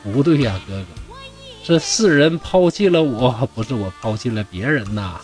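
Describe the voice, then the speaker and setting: A man with a Northeastern Mandarin accent voicing Cheng, a calm, detached male Taoist immortal who speaks in an unhurried, smiling way. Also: medium pitch, faint music behind, pitched below the performer's own voice, natural voice. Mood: serene.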